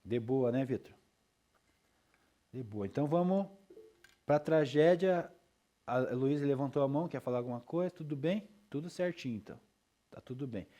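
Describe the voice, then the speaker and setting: A man's voice: mid-range voice, expressive, moderate pace, long pauses, dark tone. A male teacher lecturing his class in a loose, chatty way, with frequent tag questions and checks for understanding.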